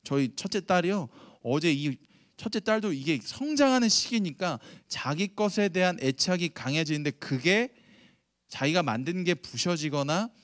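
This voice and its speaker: Animated male youth pastor preaching. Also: on the high side, moderate pace, dry recording, studio quality. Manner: animated storytelling, asks the audience questions. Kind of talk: sermon to middle schoolers. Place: church sanctuary.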